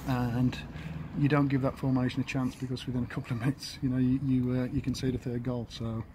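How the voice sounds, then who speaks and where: A man in his fifties, an English football manager, giving a halting post-match interview outdoors by the pitch, full of fillers and restarts. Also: level tone, mellow. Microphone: handheld camera at close range. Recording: outdoor noise behind.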